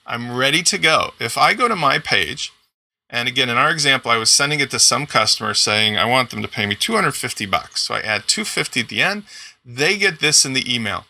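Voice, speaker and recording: A man in his forties giving an upbeat, enthusiastic walkthrough of payment software in a screen-recorded tutorial. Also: mid-range voice, animated, fairly quick, vocal fry. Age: 40s. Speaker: software demo presenter.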